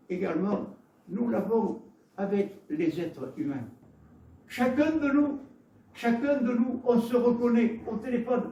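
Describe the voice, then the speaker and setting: A man with a Gascon French accent delivers a sermon in a fairly high voice, halting and repeating words as he slips into homely stories. He is picked up from some way off the microphone, and the church hall around him rings with echo. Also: far from the mic. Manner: halting, repeats words, warm storytelling asides. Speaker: preacher.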